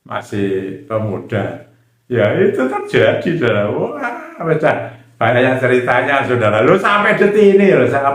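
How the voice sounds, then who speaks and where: A man preaching a sermon, telling a personal testimony in an animated way and often addressing the congregation directly. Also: mid-range voice, reverberant. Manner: animated storytelling, often addressing listeners as "saudara". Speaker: evangelist preacher. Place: church hall.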